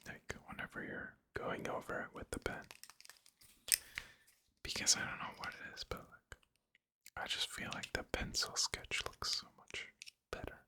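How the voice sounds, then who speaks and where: An ASMR creator whispers very close to the ear, never fully voicing the words. The delivery is slow and bright, drifting along in a hesitant, informal ramble. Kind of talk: whispered ASMR ramble about drawing tools. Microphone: close ear-to-ear microphone.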